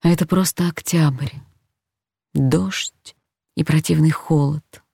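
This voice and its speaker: A woman narrating a first-person novel in a measured, reflective reading voice, close to the mic. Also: sits low, dark tone, no echo. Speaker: audiobook narrator.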